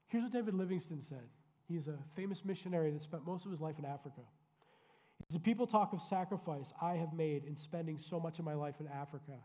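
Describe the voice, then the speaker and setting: A man's voice: on the high side, warm tone. Man preaching in a reverberant church. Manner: conversational preaching with asides to the congregation. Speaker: pastor. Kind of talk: sermon. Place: church sanctuary.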